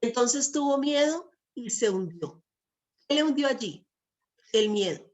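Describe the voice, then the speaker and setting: A woman with a slightly high voice delivers a sermon, often pausing to ask her listeners questions. She leans on rhetorical checks and quoted scripture, coaxing the congregation along. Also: expressive. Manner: asks the audience frequent rhetorical questions. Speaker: preacher.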